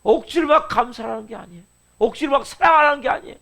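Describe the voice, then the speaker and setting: Gravelly high-pitched preaching man. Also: rapid-fire, sharp tone. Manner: emphatic preaching with frequent rhetorical questions to the congregation. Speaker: pastor. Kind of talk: dawn service sermon.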